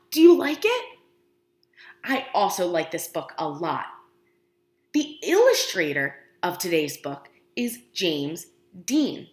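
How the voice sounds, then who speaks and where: A medium-pitched woman's voice fills a roomy space as she reads a picture book to little kids. She hams up the story, cheers them on, and stops to ask questions and let them answer.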